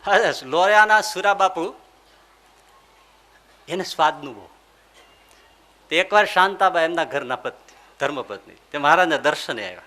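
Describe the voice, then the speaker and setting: A male preacher tells a humorous sermon story. His voice sits high and sounds bright and forceful. He is animated and acts out the characters. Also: normal speed, long pauses.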